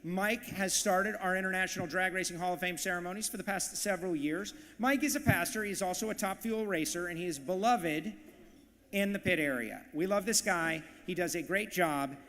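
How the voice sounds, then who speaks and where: A man working as auctioneer and emcee at a live charity event, calling bids in a rapid, punchy, hyped way. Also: sits high, fairly bright tone, in a large hall. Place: large banquet hall, live audience.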